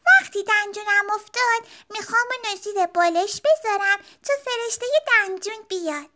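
Woman doing a tiny high-pitched girl bear cub, curious, slow wondering storybook voice. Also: pushed and bright. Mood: eager. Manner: drawn-out, childlike and wondering.

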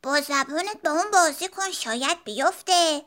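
A bright, high-voiced boy bear cub, as a woman puts him on, confident and teasing. He sounds like the knowing older brother in a storybook.

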